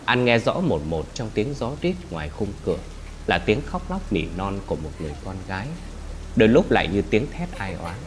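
A man's voice: lowish voice, sing-song, a little fast, a little hiss or hum. A man reading a horror story in a dramatic, tense way. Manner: dramatic, tense, rises into shouted cries for quoted lines. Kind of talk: scripted horror story narration.

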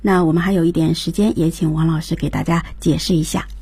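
A woman's voice: low voice, fairly even intonation, quick pace, mellow, breathy edge, no echo. A woman hosting a radio English lesson, reading English dialogue lines and prompting the teacher. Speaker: radio program host. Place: radio studio.

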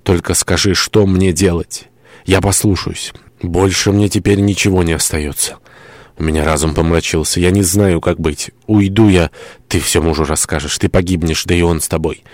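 A man's voice: sits low, steady tone, normal speed, a little mellow, no room sound, natural voice. A man reading a fervent tormented young lover. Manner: fervent, pleading.

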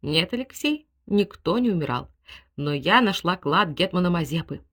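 A woman playing a shrill capricious general's wife. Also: lively intonation, moderate pace, fairly bright tone. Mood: mysterious. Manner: high, shrill, dramatic exclamations.

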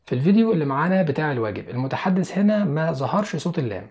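A man's voice: fairly high pitch, very animated, very fast, a little mellow. A man with an Egyptian Arabic accent teaching English listening skills in an online lesson, explaining step by step and speaking straight to the viewer.

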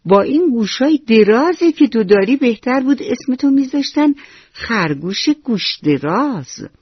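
A man's voice: fairly high pitch, big pitch swings, slightly rough, no room sound, heavily acted. A man voicing a rude, teasing little frog in a children's radio story. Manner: cheeky, teasing. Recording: dull lo-fi radio recording with faint music.

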